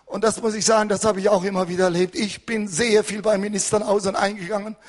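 An older man preaching an impassioned sermon as pastor, hurried and fervent, at times rising to a shout. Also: high-pitched, little pitch movement.

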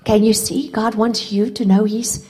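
A woman preaching in English, telling a testimony in short phrases and pausing for her interpreter, softening to a hush when she gives God's words. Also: mid-range voice, flat delivery, breathy edge. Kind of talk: sermon with interpreter.

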